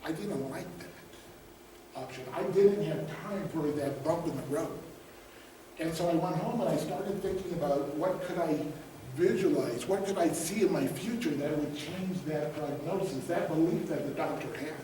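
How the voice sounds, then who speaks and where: A man's voice: on the high side, moderate pace, warm tone. A middle-aged man, a guest speaker, telling a motivational story in a conversational, humorous way and putting questions to the audience. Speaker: guest speaker, business coach. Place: event room before a live audience. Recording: roomy echo, distant mic, faint noise.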